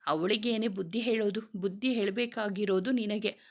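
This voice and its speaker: A woman's voice: medium pitch, fairly quick, natural voice. A woman voicing a middle-aged father who spoils and soothes his daughter, in a read-aloud story. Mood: defensive. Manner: soothing, indulgent toward daughter. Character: doting indulgent father, middle-aged man.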